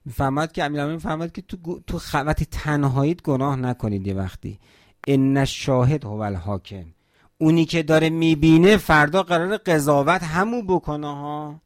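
A man's voice: fairly high pitch, no echo, studio quality. A man preaching a religious sermon at a mourning gathering, emphatic, asking rhetorical questions and quoting scripture in Arabic.

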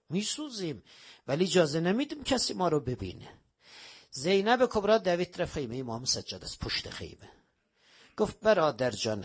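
Man, preacher, sermon, husky voice, dramatic storytelling, loud-to-hushed swings. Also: a little high.

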